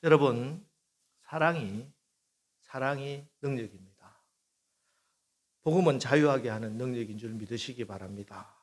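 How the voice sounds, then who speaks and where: A man's voice: mid-range voice, moderate pace, long pauses. A middle-aged male pastor preaching a sermon, telling a story and acting out the prayers and dialogue in it, his voice rising with feeling. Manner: acts out quoted prayers and dialogue, voice rising with emotion.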